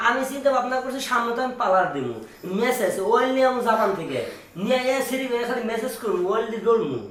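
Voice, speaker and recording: A woman's voice: a little high, big pitch swings, very fast. A woman playing a wheedling young brother-in-law. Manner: wheedling, pleading. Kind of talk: comic village skit acting. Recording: echoey room from far off, faint hiss.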